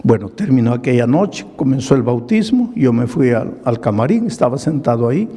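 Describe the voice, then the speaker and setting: A male pastor telling a story in a sermon, dramatic and leaping up in pitch for emphasis. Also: very animated, brisk, warm tone, slightly rough. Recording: long reverb of a large hall.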